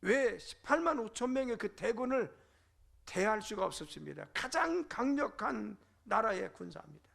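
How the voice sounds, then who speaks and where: A middle-aged man preaching a sermon in a church, his voice set high for a man and full of gravel. He preaches with fervor and keeps asking his listeners questions and then answering them himself. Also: sing-song, moderate pace, a bit bright. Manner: fervent preaching, rhetorical questions. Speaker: pastor. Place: church sanctuary.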